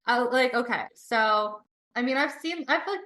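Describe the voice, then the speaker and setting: Young woman podcast host rambling on, lots of like and cussing, kinda high voice. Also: normal speed, pushed and bright, slight background noise. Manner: rambling, lots of "like", swears freely. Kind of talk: casual chat and storytelling.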